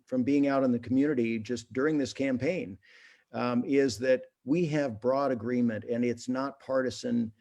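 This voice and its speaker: A man's voice: medium pitch, steady tone, normal speed, dark tone. A man speaking as a mayoral candidate in a video-call forum, earnest and prone to restarting his sentences.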